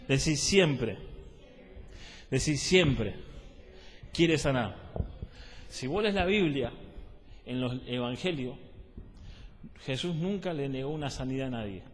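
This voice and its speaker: Man, Rioplatense Spanish accent, preacher, fairly high voice, long hall reverb, repetitive, checks the listeners understand. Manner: repetitive, asks the listeners if they follow. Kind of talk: discipleship teaching sermon.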